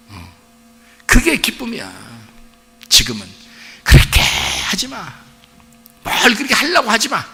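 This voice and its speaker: A male pastor preaching a sermon in a blunt, joking way, with sudden shouts and chuckles. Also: fairly high pitch, creaky, husky, big-room sound. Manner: animated, bursts into shouts, chuckles; blunt casual banter with the congregation. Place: church sanctuary.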